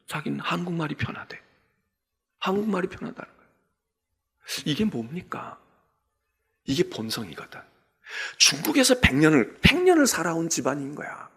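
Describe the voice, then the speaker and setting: A man's voice: on the high side, sing-song, normal speed, long pauses, a bit bright, slightly rough. A middle-aged man, a senior pastor, giving an early-morning Lent sermon in a chatty storytelling way and often checking in with the congregation. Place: church sanctuary.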